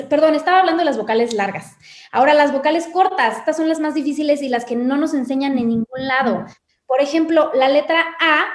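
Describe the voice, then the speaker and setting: A high-voiced woman with a Mexican Spanish accent, talking like an English teacher in easy, explanatory chat. She keeps tagging her points with "¿no?". The room around her is audibly echoey. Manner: explanatory, uses many "¿no?" tags. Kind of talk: casual chat.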